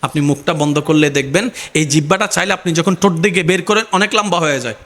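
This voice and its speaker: High, bright-voiced man preaching. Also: fast talker. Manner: calls on the crowd to respond; often shouts in a high, strained pitch. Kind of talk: sermon.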